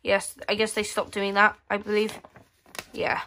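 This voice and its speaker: With slight background noise, a female host flips through a magazine at an indoor tabletop, reading bits aloud and commenting casually, often hesitating and rephrasing. Her medium-pitched voice is monotone, unhurried and sharp.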